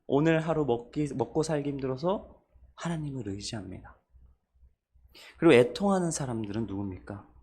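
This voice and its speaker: Lively Korean man preaching a sermon. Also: a little high. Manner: lively preaching, rises on repeated refrains; asks the congregation questions. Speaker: pastor.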